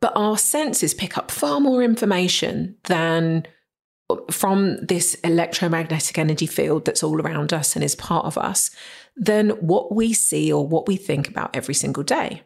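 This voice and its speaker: A woman with a low, husky voice hosts a solo podcast. She has a gravelly edge and explains her points with eager emphasis, often stopping to ask rhetorical questions. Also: moderate pace, a little mellow. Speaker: podcast host.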